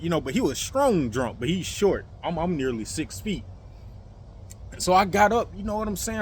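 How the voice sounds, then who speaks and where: A man telling a personal story to his viewers in a casual, animated way, full of fillers and swearing, acting out the sounds. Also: high-pitched, a little hiss or hum.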